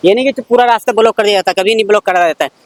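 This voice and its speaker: A man answering a street interviewer, arguing rapidly and with heat. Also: high-pitched, dry recording.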